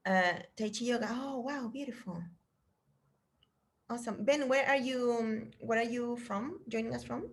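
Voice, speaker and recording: This middle-aged Chilean fitness trainer chats casually with her trainees over a video call, cheering them on with fillers and restarts. Her pitch is fairly high and her speed normal.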